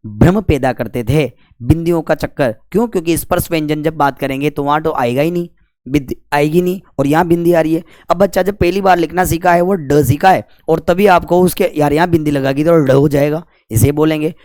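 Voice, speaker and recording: Dry-voiced Hindi grammar teacher quizzing himself. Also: male voice, fairly high pitch, a little fast, a little mellow, no echo. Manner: asks and answers his own questions, scolding and joking with students. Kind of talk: classroom lecture.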